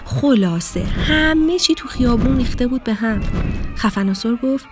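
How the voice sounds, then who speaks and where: A woman storyteller narrating a children's story in an animated, sing-song way, with music under her voice. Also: fairly high pitch. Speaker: storyteller host.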